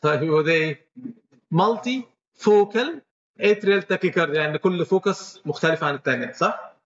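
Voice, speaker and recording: A man's voice: high-pitched, fast, dull audio. A man with an Egyptian Arabic accent giving a medical lecture, walking students through each step and quizzing them as he goes.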